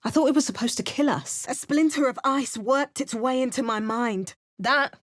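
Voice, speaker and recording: Voicing a fantasy game's player character, a young woman plays a hardy, wry adventurer with a dry sense of humor. Her high voice moves at a normal speed and sounds close to how she'd talk every day.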